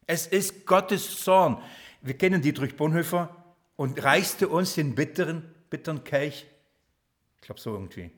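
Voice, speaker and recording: Ein Mann, der vor einer Gemeinde predigt, lebhaft und mit Fragen an die Zuhörer, wird für Betonungen oft leise. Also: male voice, a little high. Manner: lively preaching, drops to quiet emphatic lines, asks the congregation questions. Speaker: preacher. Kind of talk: sermon.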